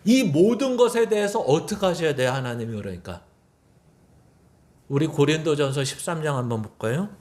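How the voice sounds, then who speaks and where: A pastor preaching a sermon in church, putting rhetorical questions to the congregation and acting out bits of dialogue. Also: male voice, a little high, expressive, normal speed, a little mellow. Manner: acts out quoted dialogue in shifting voices. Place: church sanctuary.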